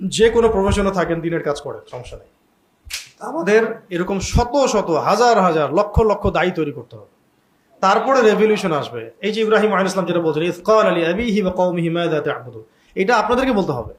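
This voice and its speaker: A man giving an emphatic religious lecture, stacking his points in long repeated lists and quoting Arabic verses. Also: high-pitched. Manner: quotes Arabic verses in recitation. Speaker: Islamic preacher.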